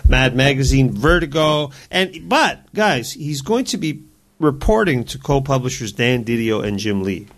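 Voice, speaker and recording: A man's voice: medium pitch, very animated, measured pace. A man hosting a casual comics podcast, joking and stumbling over his words. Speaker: podcast host. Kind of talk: casual chat.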